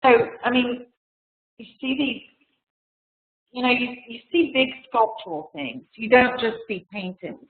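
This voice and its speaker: Speaking casually in a webinar, a woman art collector rambles along with plenty of fillers and restarts while her voice gives out. Her pitch leans high and her pace is unhurried. The sound comes through a tinny video call from an echoey room.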